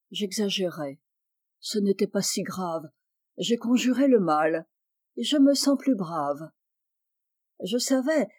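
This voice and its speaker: A woman giving a theatrical reading of a comic verse monologue, swinging between hushed asides and bright exclamations. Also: medium pitch, dry recording, studio quality.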